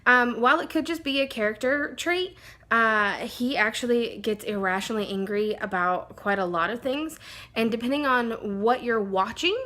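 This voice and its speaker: Bright, chatty woman vlogger. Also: mid-range voice. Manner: chatty, rambling, sidetracked. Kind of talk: casual chat to camera.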